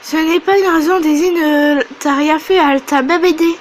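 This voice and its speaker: Woman doing a calm, patient male guide. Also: high-pitched, moderate pace, a little hiss or hum, close to an everyday voice, poor audio. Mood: scolding. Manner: explaining patiently.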